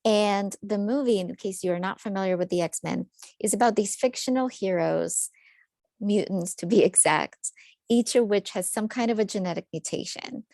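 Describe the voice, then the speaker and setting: A woman's voice: mid-range voice, moderate pace, vocal fry, mellow, dry recording. A woman in her thirties, from Ukraine, giving a webinar talk as a psychologist, telling her story earnestly with light jokes. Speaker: psychologist presenter.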